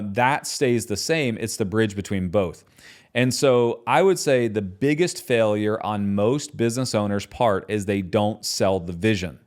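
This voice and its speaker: A man hosting his own podcast, talking in a passionate, conversational way and often tagging his points with quick questions. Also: on the low side. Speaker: podcast host and business founder. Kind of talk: solo podcast talk.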